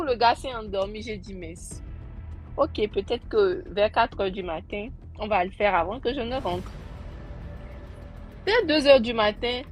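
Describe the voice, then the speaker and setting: Woman telling a story over faint music. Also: on the high side. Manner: lively, animated, acts out quoted lines. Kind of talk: casual spoken storytelling. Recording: music bed behind the voice. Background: faint tense background music.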